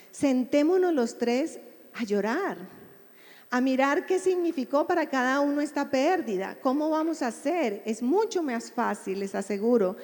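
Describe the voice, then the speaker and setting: A woman's voice: a little high, darkish tone, big-room sound. A woman psychologist giving a public lecture on grief, speaking expressively and checking in with her audience through rhetorical questions.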